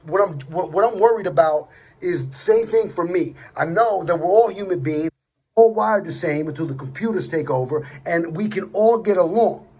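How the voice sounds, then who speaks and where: A man's voice: high voice, normal speed, dark tone, slightly rough. A middle-aged man giving a blunt, streetwise motivational talk, swearing at times and repeating himself. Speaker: motivational speaker. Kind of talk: motivational monologue to camera.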